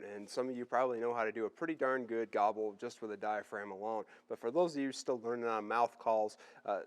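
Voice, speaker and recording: A man hosting a product review in a casual, plain-spoken, conversational way. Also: medium pitch.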